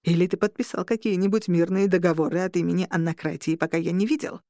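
A woman voicing an angry male vampire lord who shouts and snarls at his rivals. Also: high voice, fairly even intonation, quick pace, dry recording, clean studio sound. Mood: scornful. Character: furious vampire lord marshal, growling.

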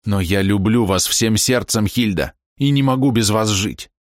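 A man reading aloud and voicing a desperate, lovesick married man in a slow, heavy, low delivery. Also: dry recording, studio quality, natural voice. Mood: yearning. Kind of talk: audiobook character reading.

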